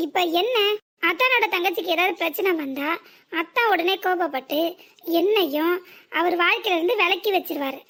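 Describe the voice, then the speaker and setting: A woman voicing a calm young married daughter in a cartoon serial, who lectures patiently with long strings of rhetorical questions. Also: very high voice, moderate pace. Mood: lecturing, teasing.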